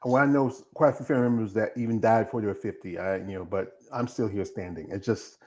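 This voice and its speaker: A man's voice: fairly low pitch, quick pace, a little mellow. A man in his fifties hosting a live stream, chatting casually and drifting from one tangent to the next. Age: 50s. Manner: rambling, jumps between tangents. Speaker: host of a bodybuilding live stream.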